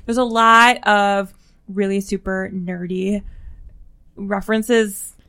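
An American woman co-hosts a podcast about upcoming books, chatting casually in informal speech full of "like". Her medium-pitched voice is bright and forceful, with fairly even intonation and a slow pace.

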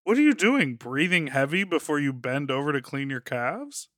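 Sassy, campy higher-voiced man, dry sound. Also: lively intonation, normal speed, a bit bright, no room sound. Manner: sassy, campy drag-queen talk with slang. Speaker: podcast co-host. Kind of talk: casual comedic chat.

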